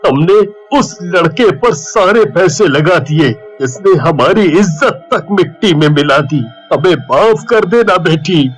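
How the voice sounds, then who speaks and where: A man's voice: a little high, animated, a little slow, few pauses, soft background music, poor audio. A man voicing a middle-aged cartoon father who speaks in a reproachful, emotional way. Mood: remorseful. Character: struggling middle-aged father, stern then remorseful. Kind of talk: cartoon voice acting.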